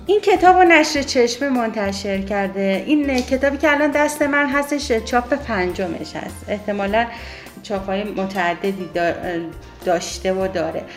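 A woman speaks as a guest on a radio show, talking casually and a little hesitantly, with pauses and fillers. Her voice sits at a middle pitch, with faint music in the background. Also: expressive. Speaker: guest recommending a book. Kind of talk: casual talk.

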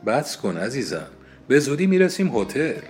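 A man reading aloud and voicing a gentle mother who speaks softly and soothingly. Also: mid-range voice, very animated, faint music behind, close to an everyday voice. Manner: soft, soothing.

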